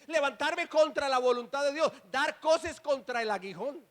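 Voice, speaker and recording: A man's voice: extremely high pitch, lively intonation, moderate pace, a bit bright. A male pastor preaching a sermon in church, firing rhetorical questions at the congregation and calling on them to repeat after him. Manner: emphatic, calls for response and repetition.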